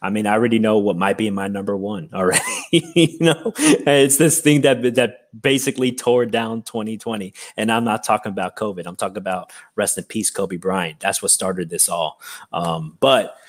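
A lower-voiced man hosting a laid-back podcast chat. He rambles, restarts his sentences and fills gaps with "um" as he thanks guests and promotes the show. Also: fairly even intonation, a little fast. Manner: rambling with frequent fillers and restarts. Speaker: podcast co-host. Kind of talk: casual chat.

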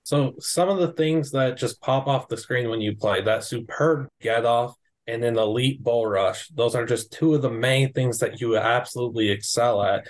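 Guy host asking a player questions, smooth and upbeat, middle pitch. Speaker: sports interviewer. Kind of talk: prepared interview questions.

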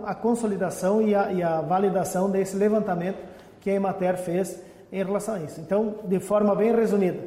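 A man giving an explanatory interview answer as a technical expert, in a halting way with repeated words. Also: high-pitched, mellow. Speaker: technical director of an agricultural extension agency, interview guest. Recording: echoey room with long reverb.

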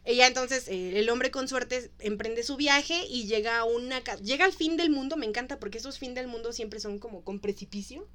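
A woman with a Mexican accent casually retelling a story to a co-host, animated and laughing often. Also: a little high, normal speed, hardly any pauses. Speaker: podcast co-host.

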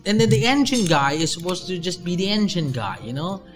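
A man chats casually, rambling and animated. His voice sits a little high and swings widely in pitch, with faint music playing behind him. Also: fairly quick. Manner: animated, rambling, jumps in pitch when excited. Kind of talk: casual chat.

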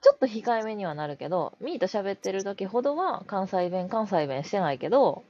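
A woman's voice: medium pitch, big pitch swings, brisk, mellow, dull audio. A woman with a Kansai Japanese accent, co-hosting a podcast in casual, chatty talk, laughing often. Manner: chatty, laughs often, quotes others in a raised voice. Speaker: podcast co-host. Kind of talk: casual chat.

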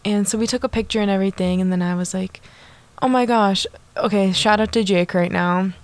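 A woman's voice: medium pitch, brisk, clean tone, dry recording. A young woman hosting her own podcast in a bubbly, chatty way, full of "like" and asides to her listeners. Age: young adult. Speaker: podcast host. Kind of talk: casual solo podcast chat.

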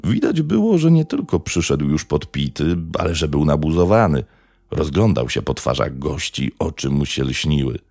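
A man narrating a true crime story in a measured, dramatic way. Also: rumbling low, very animated, darkish tone, dry recording.

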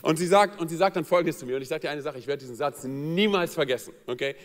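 A pastor with a slightly high voice tells a personal story for laughs during his sermon, moving quickly. He acts out the others' voices with lively humor, and the recording carries the long echo of a church hall.

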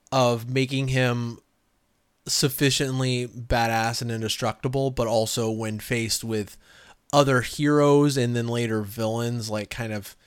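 A man casually talking through a movie review with a co-host, rambling and animated, with lots of filler words. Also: medium pitch, clean tone. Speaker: podcast co-host.

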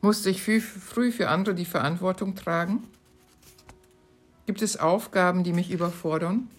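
A woman hosting her podcast, reading short questions aloud from her own book in a calm, measured way. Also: lowish voice, faint music behind. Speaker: podcast host.

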